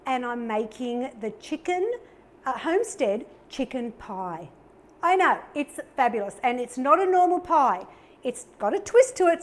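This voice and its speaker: Hosting a live cooking show, a middle-aged woman with an Australian accent chats away in a high, bubbly, upbeat voice, sprinkling in little exclamations while she cooks.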